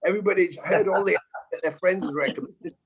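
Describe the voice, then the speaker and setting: A man's voice: sits high, fairly even intonation, moderate pace, breathy edge. A man, a metal musician chatting casually on a video call and talking in long runs with casual swearing.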